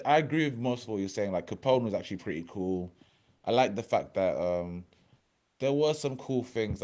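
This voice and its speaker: Excitable London man in casual chat. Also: on the low side, a little hiss or hum. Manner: animated, swearing, talks over co-host. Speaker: podcast host.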